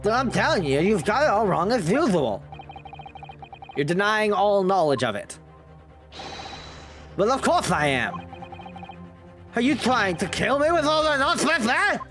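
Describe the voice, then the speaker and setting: A woman's voice: medium pitch, sing-song, a little slow, long pauses, fairly bright tone, faint music behind. Woman voicing a scrappy, defensive male street peddler. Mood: indignant. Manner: colloquial, defensive.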